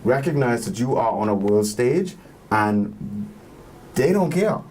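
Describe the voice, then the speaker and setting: A man, a music producer being interviewed, speaking earnestly and motivationally and pausing to find his words. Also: medium pitch, lively intonation, a little mellow, a little hiss or hum. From Bahamas. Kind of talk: reflective interview talk.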